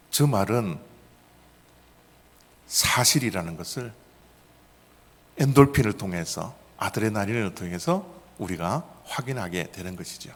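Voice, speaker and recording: Male pastor, sermon, lively swooping delivery, asks the congregation questions, long church-hall reverb. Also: medium pitch, breathy edge. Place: church sanctuary.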